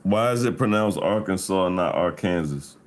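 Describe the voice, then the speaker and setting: A man's voice: fairly low pitch, a little slow, a little hiss or hum. A man hosting a casual chat show, asking curious, laid-back questions in short bursts. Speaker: show host.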